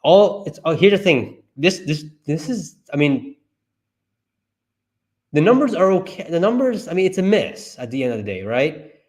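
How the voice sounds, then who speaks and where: Excitable man reacting live to numbers. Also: moderate pace. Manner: excitable, talks to himself, bursts into high yelps. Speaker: stock market streamer.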